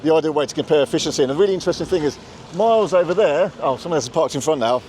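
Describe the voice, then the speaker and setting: A man's voice: a little high, very fast, a little mellow. A man from South London with a matching accent, talking casually as a vlog host, with a slightly raised voice. He chats from a car and a charging stop, and faint street noise sits behind him. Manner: chatty, laughs often, explains step by step. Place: inside a car and at a charging station.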